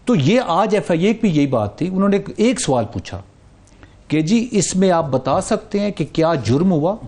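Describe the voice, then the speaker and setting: Brief: barrister on a talk show, high male voice, measured and precise. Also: expressive, darkish tone. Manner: measured, mixes English legal terms. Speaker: barrister guest. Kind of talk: legal argument on talk show.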